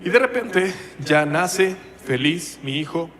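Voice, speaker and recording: Preacher guy telling his story, prays out loud, echoey church hall. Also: fairly high pitch, expressive, slow pace. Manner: emotional storytelling, quoting his own prayers aloud. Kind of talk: testimony in a sermon.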